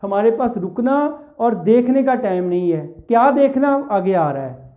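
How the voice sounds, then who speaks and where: A man teaching an English poem, mixing Urdu and English and reading the verse lines slowly. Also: very high-pitched, lively intonation. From Pakistan. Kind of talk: poetry lecture. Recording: tinny phone-like audio.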